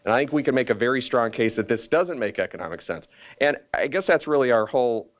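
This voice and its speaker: Delivering a formal statement at a press conference, a county official speaks deliberately and emphatically with frequent pauses. His voice is medium in pitch and expressive.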